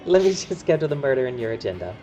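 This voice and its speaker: Mellow-voiced man making dry jokes. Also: mid-range voice, big pitch swings, rapid-fire. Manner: dry jokes, reads game lines aloud. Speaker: gamer. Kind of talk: casual game stream chat. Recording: muffled lo-fi stream audio, faint music.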